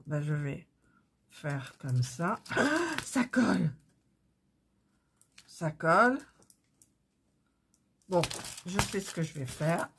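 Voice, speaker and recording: A woman's voice: deep voice, husky. A woman hosting her craft channel, chatting casually as she works at her desk, often breaking off mid-sentence and getting flustered. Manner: chatty, self-interrupting, easily flustered. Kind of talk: casual chat while crafting. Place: home desk.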